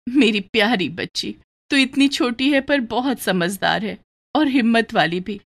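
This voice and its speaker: A woman voicing a poor widowed village mother in a storybook tale. She speaks softly and faintly in a low voice. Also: expressive, measured pace. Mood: tender. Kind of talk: storybook voice acting.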